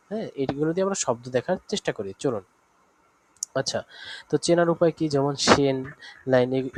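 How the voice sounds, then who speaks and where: A man with a mid-range voice teaches an online language lesson, slowly working through word examples while using fillers and checking in with his listeners.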